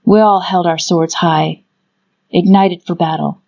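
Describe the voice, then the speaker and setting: Low-voiced woman narrating fantasy. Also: steady tone, unhurried, gravelly, a little mellow, dull audio. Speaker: audiobook narrator. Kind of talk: scripted dramatic fantasy narration.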